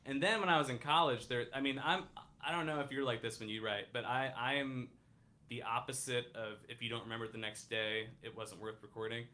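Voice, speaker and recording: Bright-voiced musician in his thirties. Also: mid-range voice, fairly even intonation. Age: 30s. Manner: halting, restarts often, easygoing. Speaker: musician guest. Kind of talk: casual chat.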